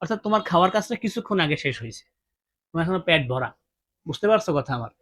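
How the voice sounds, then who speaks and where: A man's voice: on the high side, expressive, rapid-fire, fairly bright tone. A man teaching English grammar, asking his students questions and repeating each point. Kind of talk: classroom-style grammar lesson.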